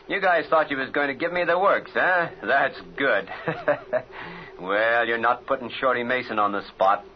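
A man's voice: medium pitch, brisk, natural voice. An actor playing a gloating small-time crook with taunting wise-guy slang, in 1930s radio serial style. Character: gloating, mouthy male escaped crook, small-time thug. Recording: muffled, hissy vintage radio recording.

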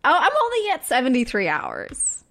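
A woman's voice: high voice, huge pitch swings, normal speed, gravelly, a bit bright. A woman playing a tabletop game, chatting playfully and often laughing. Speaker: player. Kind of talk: casual tabletop game chat.

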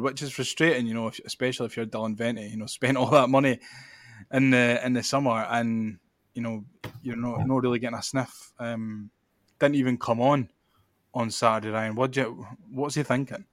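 Scottish man, fairly flat pitch, dry sound. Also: fairly quick, dry recording. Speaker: podcast host. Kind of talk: casual football chat.

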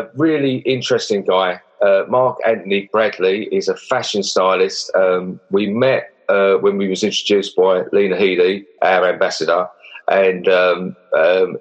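A man's voice: on the low side, poor audio. A man hosting a podcast interview, chatting in a friendly, rambling way with plenty of fillers and restarts. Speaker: podcast host. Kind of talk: casual interview chat.

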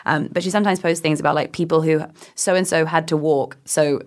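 Woman, modern British RP accent, low voice, casual reflective talk, self-deprecating, hesitant. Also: fairly even intonation, brisk. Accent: British Received Pronunciation. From England. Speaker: interview guest.

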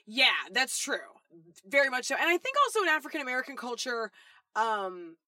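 A woman's voice: high-pitched, big pitch swings, fairly quick, sharp tone, no echo, clean studio sound. A woman co-hosting a podcast, responding in a thoughtful, affirming way. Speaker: podcast co-host. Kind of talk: casual conversational podcast.

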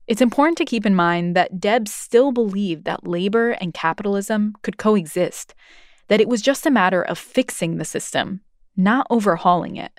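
A woman's voice: medium pitch, normal speed, no echo, clean studio sound. A woman from New Jersey hosting and reading scripted documentary narration. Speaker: host and narrator.

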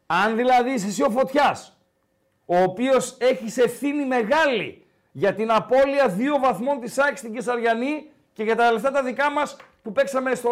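A man hosting a call-in sports radio show, talking casually and animatedly and repeating himself for emphasis. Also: very high-pitched.

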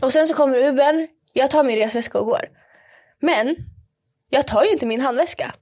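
A young woman speaks in a fairly high voice as a podcast guest. She tells her story in a loose, chatty way, full of fillers. She acts out what people said in little voiced quotes. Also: darkish tone. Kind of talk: casual chat, storytelling.

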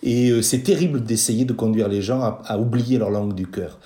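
A man speaking as a linguist guest in an interview, explaining deliberately with frequent hesitations. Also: lowish voice, dark tone, reverberant. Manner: measured, deliberate, many hesitations.

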